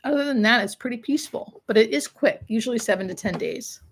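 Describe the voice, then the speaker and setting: A woman's voice: on the high side, quick pace, slightly rough. A woman hospice nurse hosting a live question session, chatting informally and explaining things in plain, conversational terms. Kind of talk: casual live-stream chat answering viewer questions.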